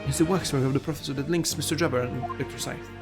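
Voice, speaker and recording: A man's voice: mid-range voice, steady tone, fast talker, music in the background, lightly acted. A man voicing an earnest, determined young male defense lawyer in a fan dub of a video game.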